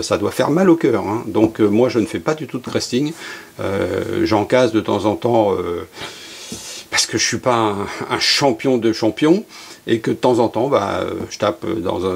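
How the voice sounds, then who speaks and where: A middle-aged archery instructor leads a hands-on workshop demonstration in a relaxed, chatty way, full of fillers and asides. His voice is fairly low, gravelly and husky.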